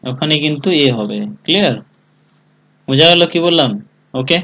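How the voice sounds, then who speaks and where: A man's voice: medium pitch, fairly bright tone, poor audio. Patient man teaching a spelling lesson. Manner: spells words letter by letter and keeps asking if students understood; calls on students by name. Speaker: English teacher. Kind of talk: live online class lesson.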